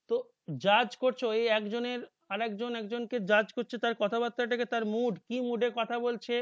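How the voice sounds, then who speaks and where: Bengali-accented male teacher with slow, muttering explanations. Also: clear, resonant tone, no echo. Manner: explains slowly, reads English options aloud slowly, drops to low mutters. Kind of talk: exam-prep lecture. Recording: dull dry lo-fi recording.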